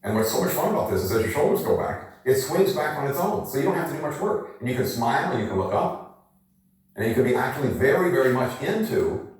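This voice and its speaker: A man demonstrating energy exercises to the camera, talking in a lively, coaxing way and asking rhetorical questions. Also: medium pitch. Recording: very echoey room, voice from a distance.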